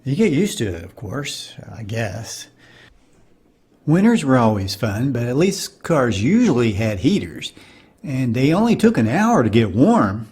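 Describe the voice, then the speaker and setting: A man's voice: mid-range voice, very animated, unhurried, darkish tone, husky. A middle-aged man giving wry, nostalgic comedic narration for a cartoon.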